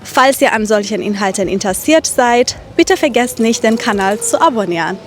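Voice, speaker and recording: A woman from Iran, a German teacher, narrating a vlog for learners in a slow, deliberate way with some filler sounds. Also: fairly high pitch, lively intonation.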